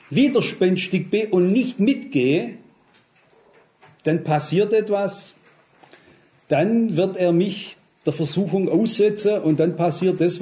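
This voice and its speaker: A man preaching a sermon, switching between emphatic stress and quiet, hushed remarks. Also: a little high.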